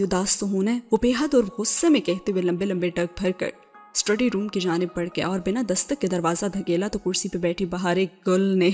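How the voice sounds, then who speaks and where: Female narrator for a serialized novel, measured and steady, soft music underneath. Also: mid-range voice. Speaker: novel reader. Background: faint background music.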